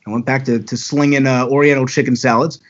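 Husky talkative man, candid. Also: mid-range voice, fairly even intonation, fast, muffled recording. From Baltimore area, USA. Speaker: guest. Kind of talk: casual storytelling.

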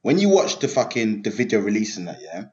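Animated young man with London roadman accent. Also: on the low side, fast talker. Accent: London roadman (multicultural London English). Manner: emphatic, sweary street slang. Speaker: football talk show host. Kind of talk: casual banter. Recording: echoey room, slightly narrow-band sound.

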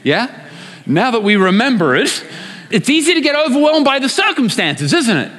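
A man's voice: extremely high pitch, very animated, normal speed, fairly bright tone, in a large hall. A man preaching a sermon, emphatic and often asking his listeners rhetorical questions.

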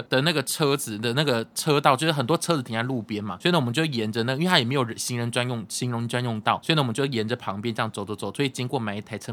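Man, Taiwanese Mandarin accent, very fast, bright forceful tone, animated, restarts sentences, podcast co-host. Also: mid-range voice. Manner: animated storyteller, frequent restarts. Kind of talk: casual storytelling chat. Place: recording studio.

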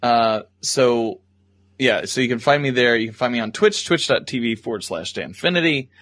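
A man's voice: mid-range voice, lively intonation, moderate pace, a bit bright, no echo. Laid-back guest guy plugging his stuff, dry close mic. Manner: easygoing, joking. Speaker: podcast guest. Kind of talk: casual chat.

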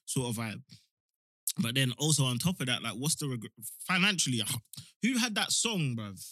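A young man with a London roadman accent chats casually and slangily, giving animated opinions like a podcast co-host. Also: mid-range voice, normal speed, no room sound. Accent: London roadman, multicultural London slang. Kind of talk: casual chat.

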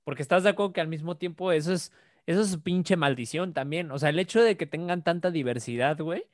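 A man with a Mexican Spanish accent talks slangily and jokingly on a casual podcast, tossing in swear words. His voice sits a little high. The sound is dry and close. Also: fast, no echo. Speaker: podcast co-host. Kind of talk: casual political chat.

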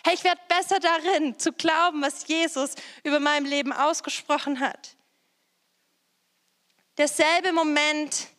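A woman with a high voice delivers a sermon, addressing her listeners directly and returning again and again to the same phrases. Her words ring out with the long reverb of a large hall. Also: steady tone, unhurried, fairly bright tone. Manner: direct, repeats phrases, addresses listeners with "hey, weißt du was". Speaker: preacher.

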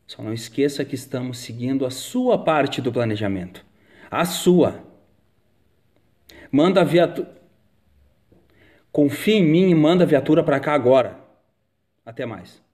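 Man acting a theatrical, animated Brazilian police investigator. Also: mid-range voice, unhurried, pauses often, natural voice. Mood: tense, irritated. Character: stern, probing male police investigator with something to hide. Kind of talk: radio drama acting.

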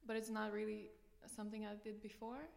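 Speaking as a podcast guest, this student coach from Romania gives a conversational explanation in a hall-like, echoey room. Her medium-pitched voice is flat and a little fast, with vocal fry and a slightly mellow quality.

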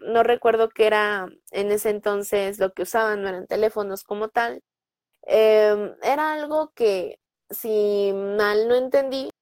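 A woman's voice: mid-range voice, darkish tone, no echo. A young adult woman with a Mexican Spanish accent, casually telling personal stories with lots of fillers and tag questions. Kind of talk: casual storytelling.

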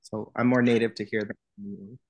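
A man's voice: fairly low pitch, flat delivery, moderate pace, darkish tone, husky, dry recording. A man from New York City, a guest drag performer, chatting casually and laughing often. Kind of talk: casual chat.

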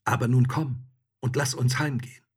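A man's voice: medium pitch, fairly even intonation, moderate pace, husky, pitched above the performer's own voice. A man voicing a cautious, timid hunter in a storybook reading, speaking in a hesitant way.

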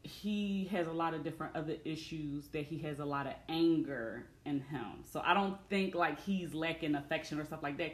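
Woman host, casual podcast chat, animated storyteller, roomy echoey sound. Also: low-pitched, slight background noise. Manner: animated storyteller, acts out quotes. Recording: echoey room.

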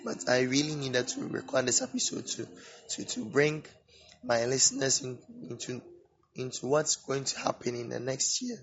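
Man, sore swollen-tonsils voice, mid pitch, halting religious podcast talk, music behind. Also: big pitch swings, gravelly. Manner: halting, apologetic, repeats words. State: sore throat, swollen-sounding voice. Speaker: podcast host. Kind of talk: informal religious teaching podcast. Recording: dull lo-fi audio, music behind. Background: background music.

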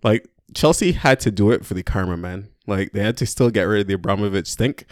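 A man chatting on a sports podcast in a loose, rambling way, with laughs slipping in. His voice sits low. The sound is dry and close to the mic. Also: fairly quick, no echo. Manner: laid-back, rambling, laughs often. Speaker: podcast co-host. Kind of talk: casual podcast chat.

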